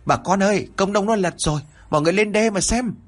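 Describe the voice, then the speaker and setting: A man voicing an alarmed young village man who shouts urgent news of an accident and answers in flustered bursts. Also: on the high side, animated, very fast, slightly rough, voice pushed up. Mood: alarmed shouting.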